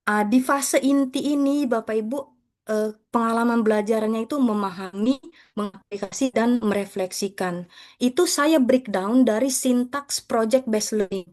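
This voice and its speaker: A woman with a slightly high, slightly mellow voice speaks at a moderate pace as a teacher explaining material to fellow educators. Her presentation is conversational and respectful, and she keeps addressing her listeners with respectful terms.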